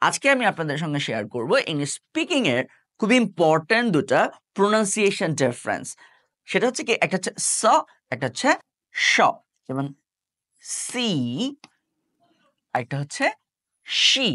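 A man teaching English pronunciation to camera, demonstrating sounds slowly and repeating them for emphasis. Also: a little high, very animated, a bit bright.

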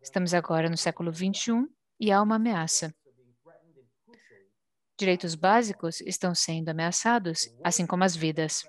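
A woman with a Brazilian accent interpreting a formal speech live, phrase by phrase with pauses. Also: lowish voice. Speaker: simultaneous interpreter.

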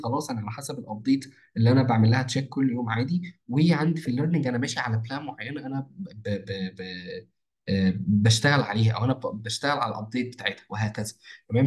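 Fast-talking Egyptian man explaining planning. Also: medium pitch, a little mellow. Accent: Egyptian Arabic. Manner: rapid, repetitive, with many false starts and stretched fillers. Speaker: marketing mentor. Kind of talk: casual screen-share tutorial.

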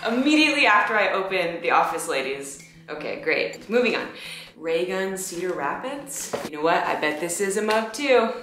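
A woman's voice: fairly low pitch, sing-song, moderate pace, noisy background. A young woman chatting casually to camera as a vlogger, with a wry, playful manner. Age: young adult. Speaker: vlogger opening fan gifts. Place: small plain indoor room. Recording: echoey small room.

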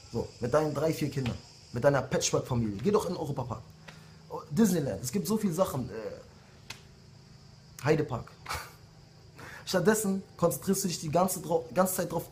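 A man's voice: on the high side, a little mellow, slight background noise. A man in his late twenties, a rapper delivering a heated, insulting diss message straight to his rivals. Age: late 20s. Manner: heated, insulting rant with repeated jabs. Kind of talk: angry diss video message.

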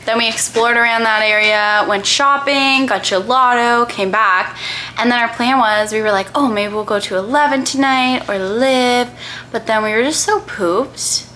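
Young female travel vlogger, bright chatty delivery, phone mic in a hotel room. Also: on the high side, a little hiss or hum. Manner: upbeat, chatty, quick recommendations. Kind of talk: casual vlog chat to camera. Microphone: phone camera at arm's length.

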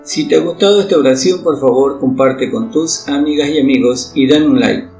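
A man reads a devotional prayer aloud with a solemn, pleading, measured delivery. His voice is gravelly with fry, and it rings through a heavily reverberant room with a long tail. Soft guitar plays faintly behind him. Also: mid-range voice. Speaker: prayer reader.

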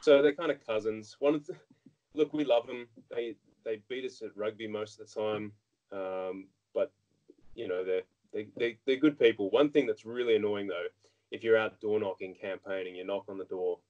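Australian man, lowish voice, frank and chatty. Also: normal speed, a little mellow, dull audio. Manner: frank, anecdotal, frequent restarts. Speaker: guest politician. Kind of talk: casual interview chat.

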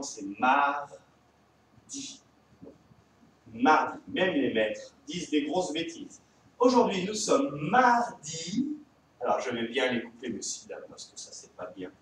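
A man's voice: fairly high pitch, very echoey, recorded from a distance, slight background noise, low-quality recording. A man teaching a remote lesson to young children, with a French accent, talking in a patient, sing-song way. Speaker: kindergarten teacher.

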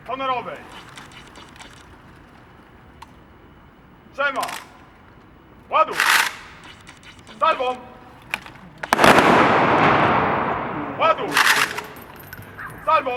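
A man commanding an honour guard, barking military orders like a drill sergeant with drawn-out calls. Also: very high voice. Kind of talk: shouted military commands for a rifle salute. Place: outdoor ceremony on a city square. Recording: outdoors with very loud background noise.

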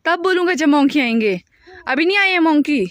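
High-voiced woman, tired, chatty family vlogger speaking outdoors into a phone, close and dry. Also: animated, normal speed, no echo. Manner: chatty, coaxing a small child, shooing monkeys. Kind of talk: casual vlog chat with a child. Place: outdoors at a hillside home among trees.

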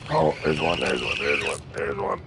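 A man's voice: rumbling low, moderate pace, gravelly. A man in his thirties talking casually about fishing as he casts from a lake dock, recorded on an action camera. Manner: chatty, excited when fish strike. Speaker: fishing channel host. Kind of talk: casual fishing vlog narration. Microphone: action camera, chest-mounted then on a stand. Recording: outdoor camera mic with noticeable background noise.

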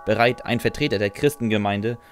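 A man's voice: fairly low pitch, fast, very noisy. A man narrating a first-person fan audio drama in a dry, sardonic way, answering with hesitant "äh"s.

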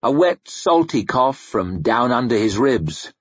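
Brief: male narrator, expressive fantasy reading with a husky, lowish voice and lively pitch. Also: measured pace, no room sound. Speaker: audiobook narrator. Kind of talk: scripted narration. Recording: dull lo-fi home recording, dry.

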